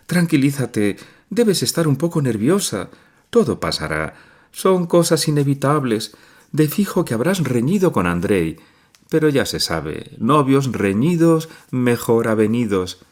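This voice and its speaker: A man reading a storybook aloud and voicing a frightened middle-aged mother who speaks in a hurried, anxious way. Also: mid-range voice, sing-song, a little mellow, voice pushed up. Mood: soothing anxiously. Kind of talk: audiobook reading.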